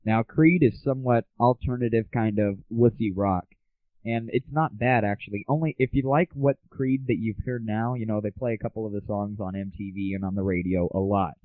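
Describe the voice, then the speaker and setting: Hosting a casual solo show, a man talks in an informal, self-deprecating way with a fairly low, steady voice at normal speed. His cheap home microphone is malfunctioning, so the dry recording sounds tinny and lo-fi.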